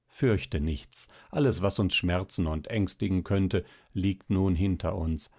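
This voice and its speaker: A man playing a hushed, ardent young suitor. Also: takes it slowly, no room sound, clean studio sound, heavily acted. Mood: tender. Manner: low, hushed, earnest.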